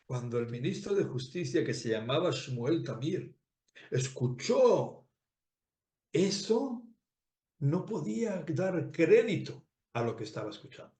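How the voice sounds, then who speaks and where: A man with a high, light voice tells a long moral story as a rabbi preaching. He talks in an animated way, repeats phrases and puts rhetorical questions to his listeners. The sound rings in an echoey room. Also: measured pace. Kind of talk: storytelling sermon.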